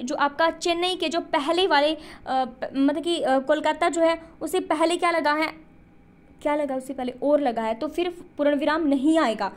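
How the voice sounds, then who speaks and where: A woman teaching an online exam-prep lesson, explaining step by step and often asking her students questions before answering them. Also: high voice.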